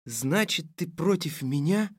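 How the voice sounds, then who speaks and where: A man voicing a stubborn, indignant older tsar who protests in high, squawking outbursts. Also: lively intonation, a little slow, a bit bright, dry recording, studio quality.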